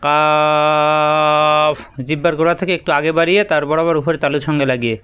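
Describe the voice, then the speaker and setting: A male Quran teacher whose native language is Bengali walks through Arabic letters one by one, stretching each sound out and repeating it for practice. His voice sits a little high and comes across smooth and resonant. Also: steady tone, fairly bright tone. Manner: methodical, repeats each letter name with drawn-out vowels. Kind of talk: spelling out Arabic letters with pronunciation drills.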